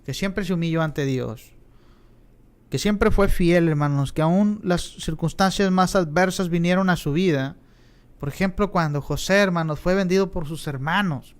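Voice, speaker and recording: Male preacher, fairly high voice, earnest questioning Bible-class sermon. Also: clean tone. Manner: earnest, questioning, repeats "hermanos".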